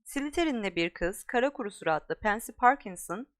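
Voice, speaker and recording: Clear-voiced woman reading an audiobook. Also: fairly high pitch, moderate pace. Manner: expressive, dramatic storytelling. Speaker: audiobook reader. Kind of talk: scripted audiobook narration.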